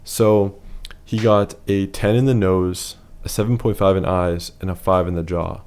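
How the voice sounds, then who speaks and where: A man's voice: low voice, fairly even intonation, a little slow, a little mellow, clean tone. A man losing his voice, giving a casual, matter-of-fact voice-over that rates features one by one. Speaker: facial analysis presenter.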